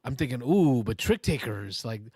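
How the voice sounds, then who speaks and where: A man's voice: mid-range voice, big pitch swings, normal speed, a little mellow, husky, no echo, clean studio sound. A man in his forties hosting a call-in show, chatting casually and telling stories. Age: 40s. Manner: chatty, storytelling. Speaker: host. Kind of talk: casual chat.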